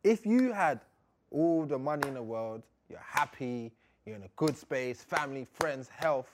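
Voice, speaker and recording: A man's voice: mid-range voice, lively intonation, a little slow, background noise. A man with a London roadman accent and slang, chatting casually and emphatically, often repeating his phrases. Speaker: rapper. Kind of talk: casual animated chat.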